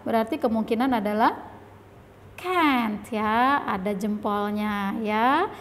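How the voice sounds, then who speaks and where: Slow, high-voiced woman teaching English. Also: in a large hall. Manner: says "ya" after nearly every phrase; reads example dialogues aloud, then translates them. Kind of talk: slide lesson explaining grammar.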